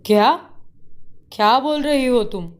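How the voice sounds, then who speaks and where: A woman's voice: mid-range voice, normal speed, close to an everyday voice. A woman voicing a short-tempered young husband in a cartoon story, scolding sharply. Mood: angry. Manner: angry, scolding.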